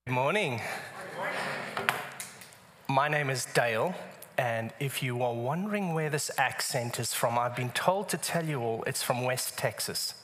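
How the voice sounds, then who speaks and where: A man's voice: medium pitch, animated, measured pace, a bit bright, a little hiss or hum. A man with a British accent preaching to a congregation in a humorous storytelling style, wry and self-deprecating. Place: church, speaking to congregation. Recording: reverberant large hall.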